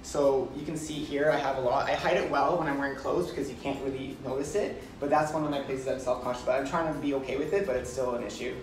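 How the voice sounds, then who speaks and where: A man in his thirties chatting as a vlog co-host on a cruise ship balcony, friendly and explanatory, often agreeing with a quick yeah. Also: medium pitch, fairly even intonation, reverberant, recorded from a distance, poor audio. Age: 30s. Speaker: vlogger co-host. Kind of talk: casual chat.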